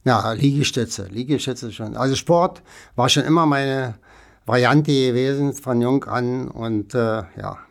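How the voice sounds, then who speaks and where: Gravelly old man, chatty. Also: mid-range voice, measured pace. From Berlin, Germany. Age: 80s. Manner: chatty, rambling with many fillers. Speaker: interview guest. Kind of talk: casual interview chat.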